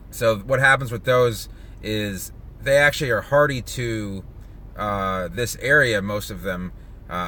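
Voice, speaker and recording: A man in casual, rambling talk about growing palms as he drives, with many fillers and restarts, recorded on a phone or camera in the car. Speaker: palm grower vlogger. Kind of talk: casual talk while driving. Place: inside a car on the road. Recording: loud car road noise. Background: loud road and engine rumble.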